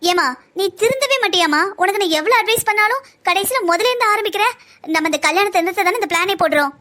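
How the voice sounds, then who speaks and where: A woman voicing a sharp-tongued, scheming young woman who pushes and coaxes her family in a cartoon drama. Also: extremely high pitch, very fast. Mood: plotting. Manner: pushy, coaxing.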